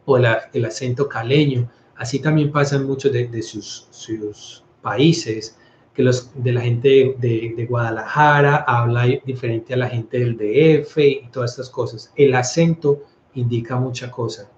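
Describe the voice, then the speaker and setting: A man's voice: mid-range voice, fairly even intonation, measured pace, a little mellow, a little hiss or hum. Man, priest from Colombia, casual scripture talk, trips over words, echoey room, slightly muffled sound. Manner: conversational, stumbles and restarts words. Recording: roomy, slightly dull recording.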